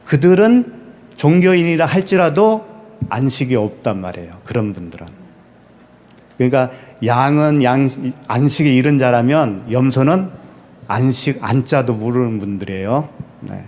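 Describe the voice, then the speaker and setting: A man's voice: mid-range voice, animated, moderate pace, a little mellow. A man preaching a sermon as pastor. He asks the congregation rhetorical questions, answers them himself, and repeats key words for emphasis.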